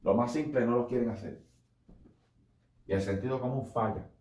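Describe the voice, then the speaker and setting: A man's voice: medium pitch, normal speed, a little mellow. Man preaching casually in an echoey room. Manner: conversational, repeats phrases, addresses listeners as brother. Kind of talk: informal sermon.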